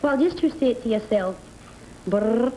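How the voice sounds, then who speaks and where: A Scottish woman from Glasgow chatting as a quiz show contestant, lively and firm. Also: on the high side, brisk. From Scotland. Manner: lively, insistent about her name. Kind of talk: casual chat. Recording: very noisy 1960 television broadcast recording.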